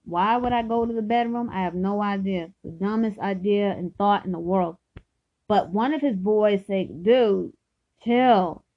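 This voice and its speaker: A woman's voice: medium pitch, normal speed. A woman telling a personal story from her own life in an earnest, emphatic way, often repeating herself for stress. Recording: dull lo-fi recording.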